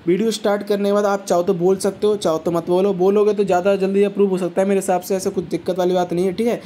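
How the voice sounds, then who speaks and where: A man's voice: high voice, level tone, quick pace, warm tone, slight background noise. A man giving a casual step-by-step walkthrough, chatty, often checking in with viewers and calling them brothers. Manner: chatty, repeats "ठीक है" and addresses viewers as brothers. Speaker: crypto tutorial YouTuber. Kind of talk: casual screen-recorded walkthrough.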